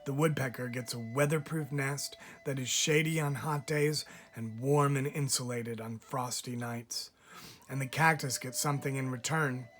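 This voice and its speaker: Faint music sits behind a man who reads a children's picture book in a measured, expressive storytelling style. His voice is medium-pitched, and he leaves deliberate pauses between phrases the way a teacher does when reading to pupils.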